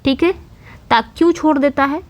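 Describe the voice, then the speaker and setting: A woman gives an online literature lesson in a fairly high voice. She explains each term patiently, repeats key points, and poses questions she then answers herself. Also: moderate pace. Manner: explanatory, repetitive, asks and answers own questions. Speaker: English literature teacher. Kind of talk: online lecture in Hindi mixed with English terms.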